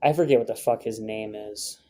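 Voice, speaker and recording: A man's voice: lowish voice, a little fast, dark tone, slight background noise. A young man vlogging, telling a rambling, profane story in a brash, casual way with many fillers.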